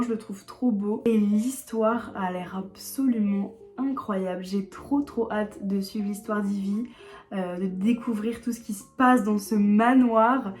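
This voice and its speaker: A woman's voice: medium pitch, steady tone, a little slow, a little mellow, faint music behind. A young woman vlogger chatting casually and eagerly, often repeating words for emphasis. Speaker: book vlogger. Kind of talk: casual book haul chat.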